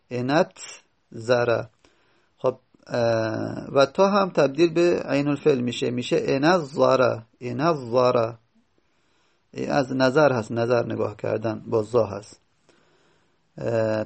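Gravelly-voiced guy teaching grammar, reads from the textbook then breaks it down, says each form over and over. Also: medium pitch. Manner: repeats each word form slowly while explaining step by step; reads out lines of a textbook before explaining them. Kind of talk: grammar lesson.

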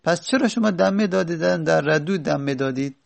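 A man's voice: fairly high pitch, creaky. A male teacher explaining Arabic grammar step by step, repeating word forms aloud.

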